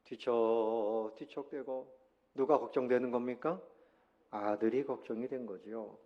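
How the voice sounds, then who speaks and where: Korean pastor preaching in a soft, muffled recording. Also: male voice, medium pitch, fairly even intonation, a little slow. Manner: storytelling with hushed quoted dialogue. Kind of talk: sermon.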